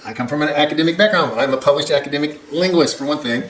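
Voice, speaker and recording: Speaking fast in a high-leaning, slightly bright voice, the older longtime dog trainer rambles bluntly through his reaction and chuckles here and there. Faint hum and echo fill the room.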